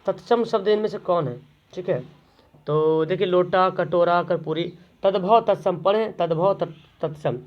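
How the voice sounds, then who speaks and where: High-voiced man drilling exam answers. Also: moderate pace, muffled recording. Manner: repeats questions, asks and answers himself. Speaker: exam tutor. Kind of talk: exam question walkthrough.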